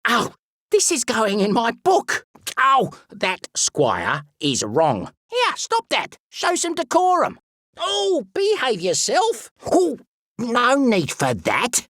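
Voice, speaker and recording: A voice actor delivers animated lines as an excitable, fussy video game wildlife expert, pompous and theatrical, with a pitch that leaps and swoops through every phrase. He sounds indignant and flustered, speaking slowly in an exaggerated voice full of whimsical made-up words. The recording is very dry and close, with no echo.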